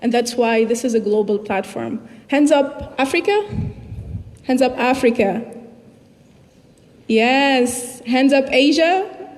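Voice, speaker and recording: A young adult woman from Tunisia, speaking with a Tunisian accent, delivers a motivational keynote at a youth summit and addresses her audience directly. Her voice is high and her pace slow, with long pauses. The large indoor summit hall sounds echoey, with long reverb and background noise.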